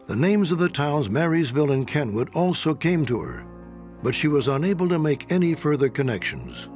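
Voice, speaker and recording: A man's voice: on the high side, very animated, normal speed, a little mellow, soft background music. A man narrating a documentary in a grave, dramatic manner.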